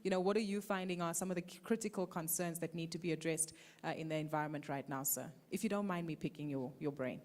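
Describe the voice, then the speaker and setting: Fast-talking woman moderating a panel. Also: sits low, a little mellow. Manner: quick, polite, inviting. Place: conference hall. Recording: hall reverb.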